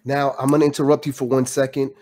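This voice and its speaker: A podcast host from the Dominican Republic runs a casual interview from an indoor home studio, using a studio mic with headphones. His medium-pitched, darkish voice keeps a level tone and a fast pace as he speaks emphatically, repeating phrases for effect.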